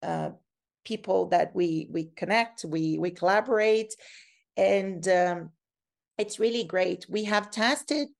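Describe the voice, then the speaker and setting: Speaking slowly with vocal fry in a mid-range voice, this guest researcher from Brazil answers interview questions in earnest explanation. Portuguese is her native language, her accent is Brazilian Portuguese, and she often repeats and restarts words.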